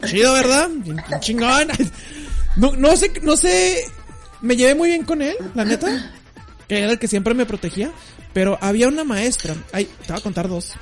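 High-voiced Mexican man telling stories. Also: normal speed, soft background music. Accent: Mexican Spanish. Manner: slangy, animated, acts out voices in anecdotes. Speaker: podcast co-host. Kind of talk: casual storytelling chat.

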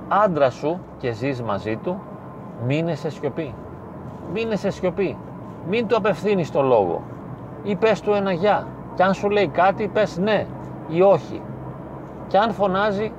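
A man, a psychologist, gives advice straight to the listener in an emphatic, repetitive way, with slow, weighty phrasing. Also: fairly high pitch. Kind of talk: direct-to-camera advice monologue. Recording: slightly dull lo-fi sound with faint street noise.

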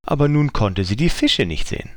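A man reads a children's story aloud in a gentle, animated way, with wide melody. The recording is dry and close. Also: medium pitch, a little fast, no room sound.

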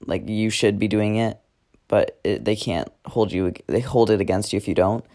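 A man's voice: on the low side, normal speed, a little mellow. A teenage guy talking casually in a diary-style podcast, rambling with many fillers and self-corrections. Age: teens. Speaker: podcast host.

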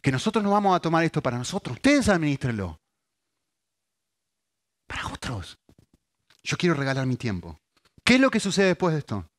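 A man with an Argentine accent preaching a sermon, alternating loud, emphatic repetition with quiet storytelling. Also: on the high side, very animated, a little fast, long pauses. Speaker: pastor.

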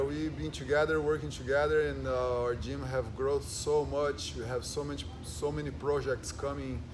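A man from Brazil speaks with a Brazilian Portuguese accent in a relaxed podcast chat, earnest and steady. His voice sits at a middling pitch. A clear hum of background noise runs under the recording. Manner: earnest, with frequent "and, uh" fillers. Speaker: jiu-jitsu gym owner and podcast host.

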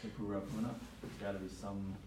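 A man's voice: on the low side, level tone, brisk. Distant man asking in a roomy class. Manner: hesitant, questioning. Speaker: student in class. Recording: distant roomy sound with room noise.

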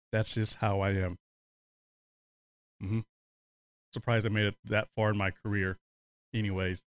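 A man's voice: medium pitch, dry recording. Guy hosting a morning radio show, laid-back rambling storyteller, dry studio sound. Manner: relaxed, rambling anecdotal delivery with laughs. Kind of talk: casual radio chat and storytelling.

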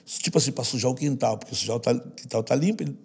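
Gravelly husky Brazilian man, earnest. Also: mid-range voice, fast talker, a little mellow. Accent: Brazilian Portuguese. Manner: earnest, slangy, repeats for stress. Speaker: guest who works with children. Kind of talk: emotional interview storytelling.

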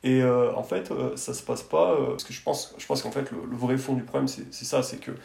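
In an echoing room, a French architect chats as a podcast guest, telling his story in a hesitant, colloquial way crowded with verbal tags. His voice is medium-pitched, steady and brisk, gravelly but a little mellow.

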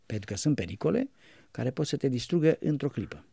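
A man's voice: mid-range voice, big pitch swings, vocal fry, dark tone, husky, no room sound, studio quality. A man, an Orthodox priest, earnestly telling his life story with rambling restarts.

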